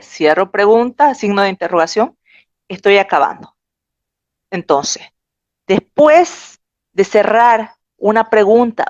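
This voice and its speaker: A woman's voice: mid-range voice, dry recording. A woman giving an online lecture on spelling rules, insistent and repeating her points emphatically. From Bolivia. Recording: dry, dull lo-fi recording.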